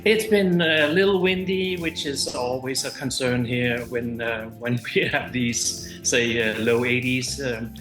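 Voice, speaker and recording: A man's voice: medium pitch, a little slow, hardly any pauses. Danish-accented guy in his 40s, winemaker on a call, lots of uhs, echoey room, faint music. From Denmark. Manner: relaxed, hesitant with many uh fillers. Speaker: winemaker guest. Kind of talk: casual interview chat.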